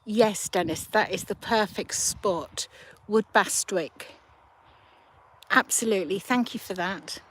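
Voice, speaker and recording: Chatting with live viewers via a phone she holds by the river, the host speaks slowly and conversationally, working through her thoughts aloud. Her mid-range voice has a fairly bright tone.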